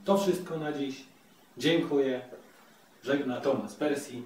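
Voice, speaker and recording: A man's voice: medium pitch, slow pace, darkish tone, a little hiss or hum. A man hosting a casual video review, talking in a chatty, playful way. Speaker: audiobook reviewer, host. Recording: very echoey room, distant mic.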